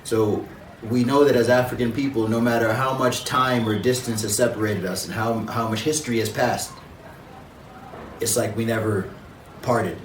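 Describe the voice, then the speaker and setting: A man from Jamaica, a guest in an interview, speaking in a measured, reflective way with frequent pauses and fillers. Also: mid-range voice, steady tone, reverberant, recorded from a distance, a little hiss or hum, low-quality recording. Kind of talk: conversational interview.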